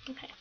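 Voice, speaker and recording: A woman's voice: lo-fi sound, noisy background. A woman reading a picture book aloud at home, breaking off into casual, giggly whispered asides. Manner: giggly, casual, drops to whispered side comments. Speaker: storyteller reading to a child. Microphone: webcam at a desk.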